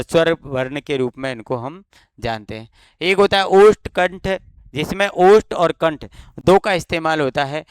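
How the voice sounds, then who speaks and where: A man's voice: a little high, fairly bright tone, clear, resonant tone, no echo. A man teaching an exam-prep grammar lesson with a slight Rajasthani Hindi accent, explaining step by step and answering his own questions.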